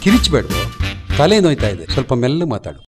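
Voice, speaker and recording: An actor playing an irritable boss with a headache who speaks gruffly and curtly. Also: male voice, mid-range voice, wildly swooping pitch, quick pace, faint music behind. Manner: gruff, short-tempered.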